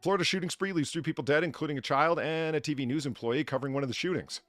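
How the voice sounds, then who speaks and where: A man's voice: on the high side, very fast, a bit bright, dry recording, soft background music. A man hosting a casual livestream podcast, reading out donations and rambling profanely between topics.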